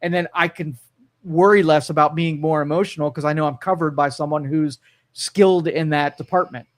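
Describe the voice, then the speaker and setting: A man's voice: fairly high pitch, steady tone, fairly quick, no echo. A middle-aged man co-hosting a casual live talk show, thinking aloud with frequent restarts. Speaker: podcast co-host.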